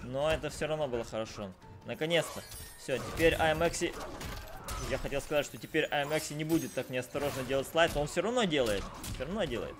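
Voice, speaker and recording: A man's voice: fairly high pitch, animated, fast talker. A man doing live fighting game commentary, slangy and exclamatory, repeating phrases for emphasis. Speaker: esports commentator. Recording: loud game music behind. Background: fighting game music and sound.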